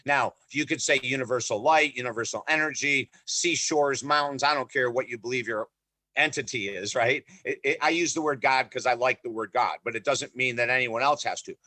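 Middle-aged male guest, an author and counselor, telling an energetic personal story; bright, forceful delivery on a dry close recording. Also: medium pitch, brisk, no room sound. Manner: emphatic, repeats "you know" and "right?", often addresses the host by name.

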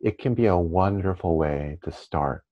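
Male meditation teacher, deep register, informal guided-practice delivery with pauses, slightly dull recording. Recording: muffled, band-limited audio.

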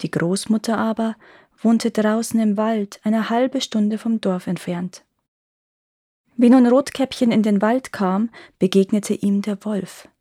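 A woman reading a fairy tale aloud in a calm, clear storytelling manner. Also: medium pitch, measured pace, no room sound, clean studio sound.

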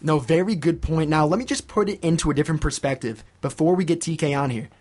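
A man's voice: a little high, fast talker, darkish tone. A man hosting a sports radio talk show from the studio, asking long, rambling questions.

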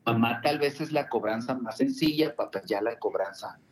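Over the noise of a loud crowd, a medium-pitched man talks at a moderate pace as a radio talk-show guest. He's a family counselor who spins chatty stories packed with asides and tag questions.

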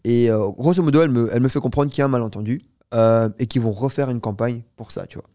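A man's voice: medium pitch, dry recording, studio quality. A man in his twenties, a startup founder and guest, telling a story at length in a casual interview, with lots of fillers and "you see". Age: 20s. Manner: fast, animated, filler-heavy storytelling with many "tu vois".

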